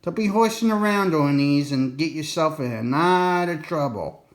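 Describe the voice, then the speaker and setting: Speaking at a normal speed with lively intonation and a slightly high voice, the presenter of an instructional radio video gives an unscripted, casual explainer. He's folksy and colloquial, wanders a bit, and says his warnings more than once to drive them home.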